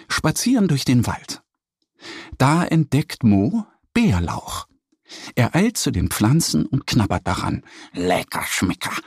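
A man reading a children's story aloud with lively voices for the animals. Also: mid-range voice, husky, no echo, clean studio sound. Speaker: narrator.

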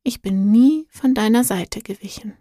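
A woman voicing a gentle, kind male guardian angel, speaking calmly and softly. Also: a little high, normal speed, dry recording, studio quality, lightly acted. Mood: gentle, reassuring. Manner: calm, soft and reassuring.

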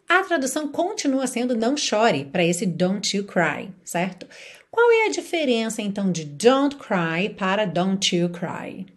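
Lively teacher woman. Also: on the high side. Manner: lively, explanatory, switching into English examples. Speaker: English teacher. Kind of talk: podcast English lesson.

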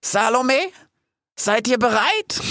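A man's voice: a little high, gravelly, noisy background, voice pushed up. A man voicing a scheming female hyena rebel leader who cackles and gloats.

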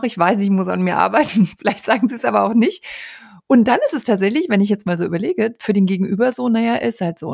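A woman's voice: medium pitch, vocal fry, a little mellow. A woman hosting an interview, asking long, thoughtful questions in a casual way. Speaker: interviewer, host.

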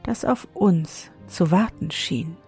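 A woman reading a fairy tale aloud in a measured, expressive manner. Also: lowish voice, husky, faint music behind. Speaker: storyteller.

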